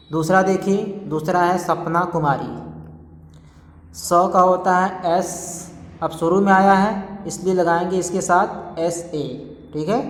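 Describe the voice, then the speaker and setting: A patient teacher giving a step-by-step spelling lesson, spelling out letters slowly and often checking that the listener is following. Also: mid-range voice. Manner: patient, repeats "ठीक है" to check understanding. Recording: echoey room, long reverb.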